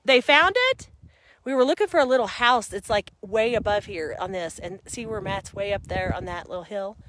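A middle-aged woman talks into a phone held at arm's length on a windy mountainside, faint outdoor noise behind her. She is tired from hiking but excited, laughing often and greeting viewers by name. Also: medium pitch, normal speed. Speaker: vlogger streaming live. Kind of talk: casual live-stream chat.

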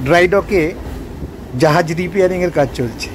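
Travel vlogger, male, higher voice, calm informative narration. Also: brisk, slight background noise. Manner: informative, pointing out sights. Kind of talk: calm guided narration over train footage.

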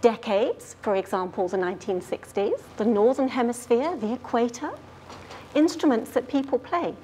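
A woman playing an earnest lady grammar detective who explains rules clearly and patiently. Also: fairly high pitch, normal speed, mellow, a little hiss or hum, close to an everyday voice. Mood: explaining. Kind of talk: scripted grammar lesson skit.

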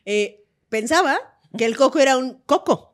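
Playful Mexican woman, high voice, swooping lively pitch, casual podcast banter. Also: moderate pace. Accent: Mexican Spanish. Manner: playful, quizzing the others. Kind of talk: casual chat.

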